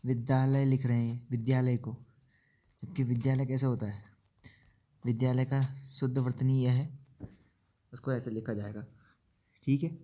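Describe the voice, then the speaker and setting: A man teaching an exam-prep spelling lesson, explaining slowly, repeating words and asking checking questions. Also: mid-range voice, little pitch movement, dark tone. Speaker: Hindi teacher.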